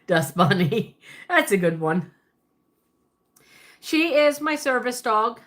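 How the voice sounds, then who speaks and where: This livestream host, a woman from Pennsylvania, speaks with a fairly high, fairly bright voice and a Pennsylvania Dutch accent with a Southern twist. She rambles casually while answering viewers, chatty and laughing often, and corrects herself as she goes.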